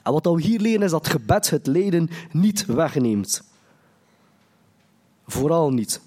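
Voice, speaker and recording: Earnest preacher with a mellow voice. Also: male voice, fairly high pitch, sing-song, slow pace. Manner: earnest, restarts phrases, acts out quoted prayers. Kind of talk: sermon.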